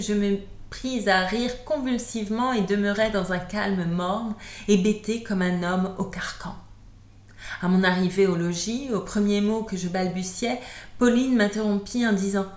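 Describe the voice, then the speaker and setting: Woman reading a classic novel aloud. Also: mid-range voice. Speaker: audiobook reader. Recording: roomy echo.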